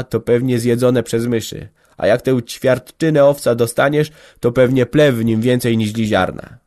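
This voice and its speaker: A man's voice: medium pitch, close to an everyday voice. A man voicing a complaining, talkative middle-aged village organist, raising his voice as he grumbles. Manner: lively, grumbling, raised voice.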